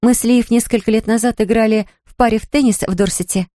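A woman's voice: fairly high pitch, fairly even intonation, fast talker, mellow, no echo, studio quality, pitched above the performer's own voice, close to an everyday voice. A woman reading an audiobook, voicing a flustered young heroine who talks plainly and hesitantly.

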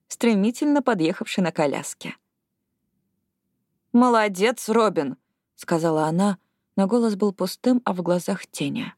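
A woman narrating an audiobook, reading in an expressive way that rises with the action. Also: lowish voice, no room sound, studio quality. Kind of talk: scripted narration.

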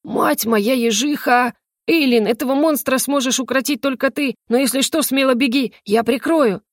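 A woman's voice: sits high, normal speed, no room sound, clean studio sound, pitched above the performer's own voice. A woman voicing a brash, joking young man who is a loyal friend, in an audiobook. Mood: bold. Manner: cocky, boisterous.

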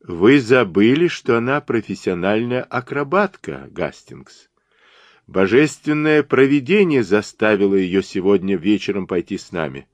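A man reading an audiobook, voicing a fastidious elderly male detective who speaks in clipped, low, urgent phrases. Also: animated, dry recording.

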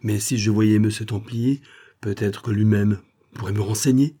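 A man's voice: on the low side, steady tone, normal speed, mellow, close to an everyday voice. A man voicing a distraught young woman who pleads anxiously for help finding her missing father. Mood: pleading, distressed.

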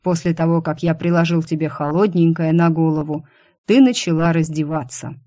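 A woman reading an audiobook, voicing a male boss who teases and mocks, sometimes shouting. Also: on the high side, moderate pace, close to an everyday voice. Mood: teasing. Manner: mocking, playfully teasing, bursts into yelling. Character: teasing, mocking male boss, quick to shout.

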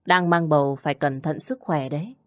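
An old village healer, calm and firm, spoken in a low, even tone as a woman narrator puts him on. The sound is dry and close. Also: normal speed, no room sound, lightly acted. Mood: concerned.

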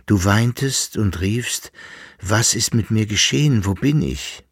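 A man voicing a frightened, tender young woman in a literary audiobook, speaking in a soft, hushed way. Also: fairly low pitch, animated, slow, husky, dry recording, clean studio sound, full character voice. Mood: tender, fearful. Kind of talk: audiobook reading.

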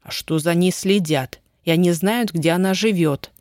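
A woman's voice: fairly low pitch, normal speed, darkish tone, dry recording, studio quality, close to an everyday voice. A woman voicing a cautious teenage boy who grumbles and mocks. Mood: grumbling. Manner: grumbling, mocking. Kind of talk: audiobook character reading.

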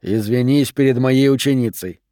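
A man's voice: medium pitch, normal speed, dark tone, dry recording, natural voice. A stern middle-aged teacher , as a male narrator does him, curt and commanding, his words clipped and final. The voice sits near the reader's own and is recorded dry and close. The storybook delivery keeps him hard and unbending.

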